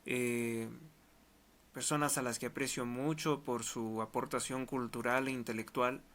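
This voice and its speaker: A man's voice: medium pitch, steady tone, a little slow, a bit bright. A man from Mexico, delivering an emphatic political commentary monologue in short, repeated clauses. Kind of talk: monologue to camera.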